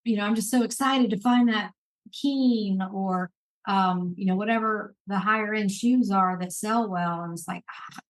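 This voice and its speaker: A woman's voice: mid-range voice, normal speed, poor audio. Woman, podcast host, casual chat, reassuring, chatty. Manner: chatty, reassuring, thinks aloud with fillers. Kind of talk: casual chat about reselling.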